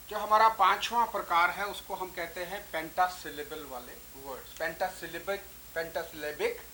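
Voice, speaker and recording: A woman giving a slow, deliberate lesson, counting out syllables as she explains. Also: mid-range voice, pushed and bright, a little hiss or hum. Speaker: English teacher.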